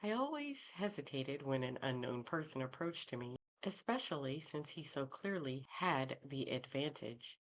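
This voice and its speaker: A woman narrating a first-person mystery audiobook in a calm, even storytelling manner. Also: very deep voice, a little slow, few pauses.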